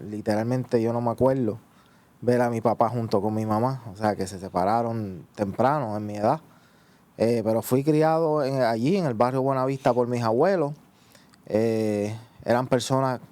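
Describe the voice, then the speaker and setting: Puerto Rican man, mellow halting speech. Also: mid-range voice. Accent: Puerto Rican Spanish. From Puerto Rico. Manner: halting, many "eh" and "pues" restarts. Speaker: guest giving testimony. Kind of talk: personal testimony in conversation.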